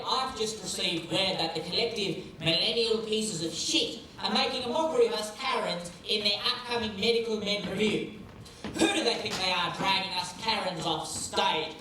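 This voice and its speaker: An entitled, indignant female complainer acted by a woman holds forth haughtily in a comedy sketch. She is far from the mic on a very echoey stage with clear background noise. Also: medium pitch, close to an everyday voice. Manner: haughty, aggrieved.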